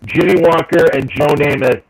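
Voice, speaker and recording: A man chats casually as a podcast co-host, calling in remotely over a crackly, staticky connection. His voice sits a little high and sounds husky. He rambles with jokey asides. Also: fairly even intonation, moderate pace. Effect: crackly staticky call connection. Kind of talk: casual chat. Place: home, joining remotely by video call. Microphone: earpiece headset on a remote call.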